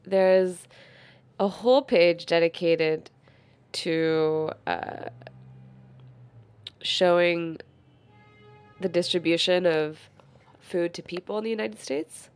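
A woman with a stuffy nose reading an old textbook aloud in a quiet, unhurried way and pausing to comment on it. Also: on the low side, clean tone, no echo. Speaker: reader.

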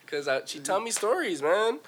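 Teasing man with a lively, high voice. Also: moderate pace, a little hiss or hum. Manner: teasing, joking, deadpan trolling. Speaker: podcast co-host. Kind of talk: casual podcast chat.

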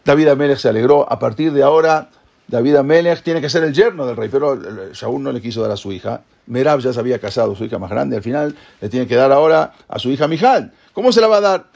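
Husky, gravelly man teaching a class. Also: mid-range voice, quick pace, muffled recording. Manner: lively retelling that acts out the characters' voices. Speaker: religious teacher. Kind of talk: Torah class storytelling.

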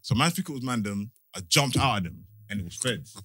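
A man's voice: mid-range voice, lively intonation, brisk, a bit bright, breathy edge. A man with a London roadman accent and street slang, speaking insistently in casual banter and repeating himself as he tells a story.

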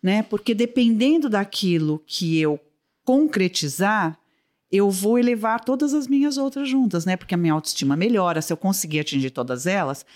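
A woman's voice: mid-range voice, expressive, moderate pace, a little mellow. A woman speaking as a guest psychologist in an interview, explaining patiently and often checking in with short tag questions.

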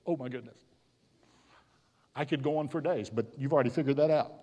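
A man giving a storytelling sermon as a guest speaker at a school, telling the story dramatically and sometimes dropping to a hushed voice. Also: medium pitch, a little fast, slight background noise. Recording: long hall reverb.

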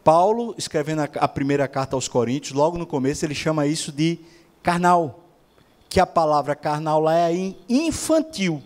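A man's voice: a little high, fairly quick. A man preaching a sermon, asking rhetorical questions and acting out other people's voices.

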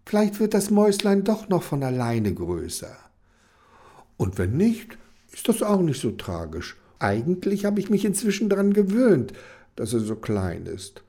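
A man's voice: fairly high pitch, wildly swooping pitch, measured pace, dark tone, voice pushed up, full character voice. A man voicing a caring, stubborn young girl in a children's storybook, in a raised, sweet voice. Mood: worried.

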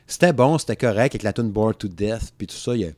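A man's voice: lowish voice, quick pace, warm tone, no room sound. A man in his thirties with a Quebec French accent, rambling casually about music on a podcast and laughing often. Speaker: podcast co-host.

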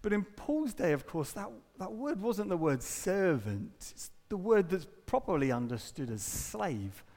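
A man preaching a sermon, talking in a conversational way with rhetorical questions and quick asides. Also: sits high, big pitch swings, a little mellow. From Britain. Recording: long hall reverb.

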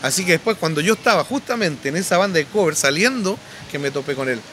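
Male podcast guest, fairly high, bright, chatty storyteller. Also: fast talker, slight background noise. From Chile. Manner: animated anecdotes, frequent restarts. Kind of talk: casual storytelling.

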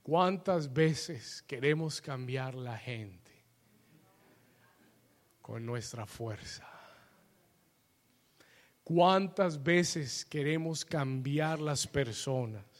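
A man's voice: medium pitch, extremely slow, pauses often. A man preaching a sermon as pastor, emphatic and repetitive, in a church. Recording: long hall reverb.

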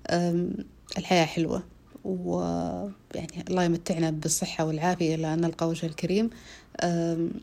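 Woman in her 30s talking solo on a podcast, quick, repeats herself a lot. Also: on the low side, little pitch movement, gravelly, mellow. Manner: earnest, repeats herself, pauses on drawn-out fillers. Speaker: podcast host.

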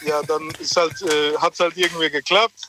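A young man from southwest Germany calling a radio phone-in from his car's hands-free system and telling a story in a halting, rambling way. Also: fairly high pitch, steady tone, pushed and bright, faint music behind. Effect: phone call through a car hands-free speaker system, at times distant from the mic. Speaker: radio call-in caller.

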